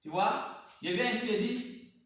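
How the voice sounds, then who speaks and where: Slow-speaking teacher in an echoey room. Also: male voice, sits high, a bit bright. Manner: slow, repetitive, spells words by syllables. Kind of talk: classroom reading lesson. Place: classroom with a board. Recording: echoey room, mic far off.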